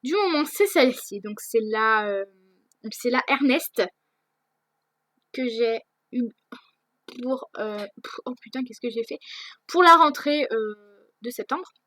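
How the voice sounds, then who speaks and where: Teen girl vlogging, high voice, dry close mic, lots of ums, swears a bit. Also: expressive, slow pace, long pauses, bright, forceful tone, no echo. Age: teens. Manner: hesitant, many fillers and restarts, swears casually. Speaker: vlogger answering viewer questions. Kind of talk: casual chat.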